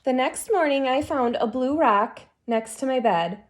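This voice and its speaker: A teacher reads a children's picture book aloud expressively, pausing to put questions to her young listeners. Her voice sits high.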